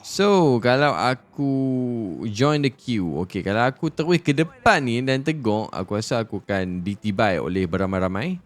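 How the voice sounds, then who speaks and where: A man's voice: mid-range voice, expressive, moderate pace, hardly any pauses, no room sound, soft background music. A man with a Malaysian accent giving casual game commentary, mixing two languages as he goes. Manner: switches between Malay and English. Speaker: let's play gamer. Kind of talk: casual game commentary, reading dialogue aloud.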